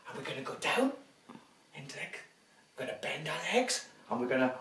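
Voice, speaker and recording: A woman presenting an interactive story for young children like an overbright party host, with exaggerated excitement and sing-song lines. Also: rumbling low, brisk. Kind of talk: interactive picture-book reading for young children. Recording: roomy echo, distant from the mic.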